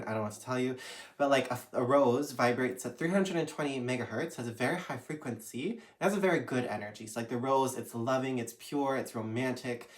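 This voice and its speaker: Stuffy-sounding man vlogging in a relaxed, chatty way from a guest room, checking in with the viewer often. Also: medium pitch. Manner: chatty, frequent "right?" and "you know" tag questions. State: stuffy from a cold. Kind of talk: casual direct-to-camera chat. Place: his mother's guest room, indoors.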